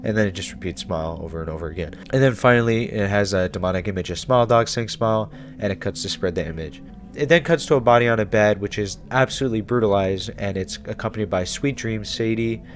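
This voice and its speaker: On YouTube, a man hosts a casual explainer of a horror series, keeping it irreverent and conversational. He talks quickly in a voice on the low side.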